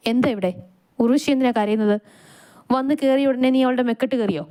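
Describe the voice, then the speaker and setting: A woman voicing a calm older brother who teases and soothes in a gently mocking way. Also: medium pitch, brisk, lightly acted. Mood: annoyed.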